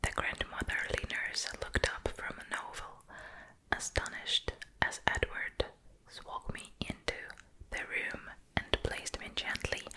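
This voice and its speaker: A woman reading a novel aloud in a whispered role-play for ASMR, with a slow, gentle unvoiced whisper on a close microphone that moves from ear to ear. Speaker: ASMR creator. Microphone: close ear-to-ear ASMR mic.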